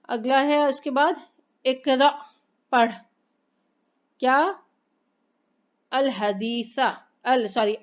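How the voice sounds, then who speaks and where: A woman teaching Arabic grammar in a slow, explanatory lesson, asking questions and answering them herself and reciting phrases carefully. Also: fairly high pitch, dull audio. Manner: patient, repeats points and asks herself questions.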